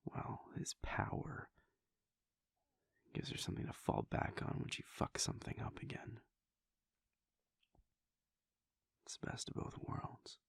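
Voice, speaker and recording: Speaking in a low, husky whisper, a man voices a weary, brooding vampire prince, offering a soft, confiding monologue for an intimate audio roleplay. He talks at normal speed in a natural voice with no echo, and his mood is wry.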